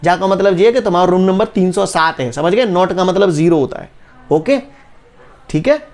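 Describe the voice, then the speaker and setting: A man's voice: high-pitched, animated, moderate pace, darkish tone. A man teaching a physics class, drilling formulas and checking over and over that students follow. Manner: coaxing, repeats "clear?", drills formulas aloud. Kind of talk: classroom lecture.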